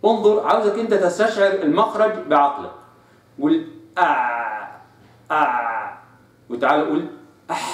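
Recorded a bit distantly in a reverberant room, a high-voiced man with an Egyptian accent teaches tajweed. Between explanations of how letters are pronounced in Quran recitation, he offers slow, stretched-out demonstrations of the sounds.

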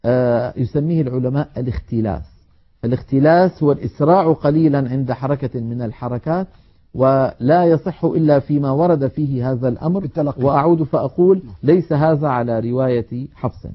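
Measured man teaching recitation, lo-fi sound. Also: mid-range voice. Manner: measured, explanatory, chants example words slowly. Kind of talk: televised recitation lesson.

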